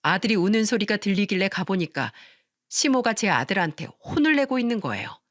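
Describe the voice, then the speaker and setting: A woman narrating a story in expressive radio-story style. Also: medium pitch, brisk, no echo, studio quality.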